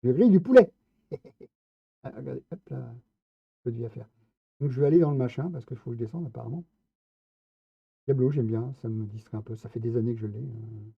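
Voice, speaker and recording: A man's voice: medium pitch, fairly even intonation, fast, vocal fry, pauses often, breathy edge, dry recording. A man giving casual gameplay commentary, chatty and playful, talking straight to his viewers. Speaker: streamer. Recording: tinny phone-like, dry sound.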